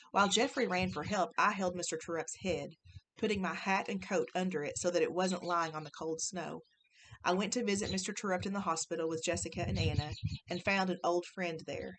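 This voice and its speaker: A woman teacher reading a children's novel aloud to her class, gentle and expressive. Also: on the low side, slight background noise, poor audio.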